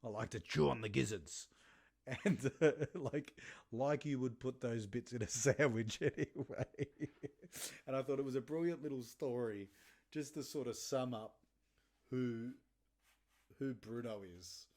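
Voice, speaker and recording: A man's voice: mid-range voice, unhurried, darkish tone. A man in his thirties hosting a podcast, telling blunt, sweary stories casually and laughing often. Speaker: podcast host. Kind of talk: casual storytelling monologue.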